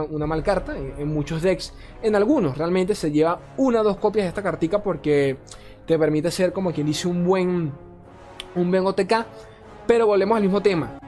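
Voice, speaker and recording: A man reviews game cards in casual commentary. He is animated and swears, ranting and stumbling over names he forgets. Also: sits high. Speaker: card game content creator.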